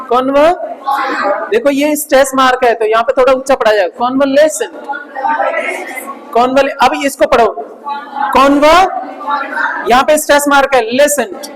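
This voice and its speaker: A man teaching vocabulary in a classroom, drilling words aloud and asking "right?" after nearly every phrase. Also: extremely high pitch. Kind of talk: classroom lesson. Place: classroom with projector. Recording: echoey room with long reverb.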